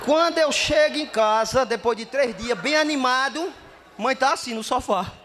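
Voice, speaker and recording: A man telling a story in stand-up comedy, lively and acting out the dialogue. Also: extremely high pitch, normal speed, noisy background.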